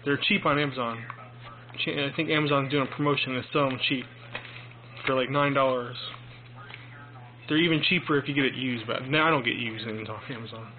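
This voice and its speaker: A young man giving a casual, rambling product review in a phone video, halting and informal, recorded on a handheld phone in a room at home. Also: medium pitch. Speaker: amateur headphone reviewer. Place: small domestic room, indoors. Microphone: handheld phone mic. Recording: tinny phone recording with clear noise.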